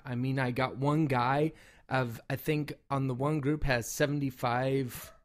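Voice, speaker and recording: A man's voice: mid-range voice, steady tone, unhurried. A man giving a casual product review in a rambling, informal way, often correcting himself. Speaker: product reviewer and call maker.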